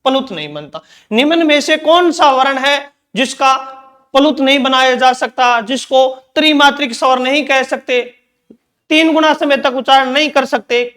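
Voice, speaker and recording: A man's voice: extremely high pitch, moderate pace, fairly bright tone. A man teaching Hindi grammar in an exam-prep lecture, asking questions and answering them himself, repeating key terms.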